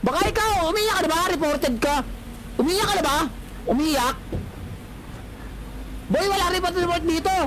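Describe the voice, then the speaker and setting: In a very high-pitched voice at normal speed, often pausing, a streamer taunts the chat with teasing catchphrases he repeats endlessly. Loud background music plays over him, creating plenty of noise.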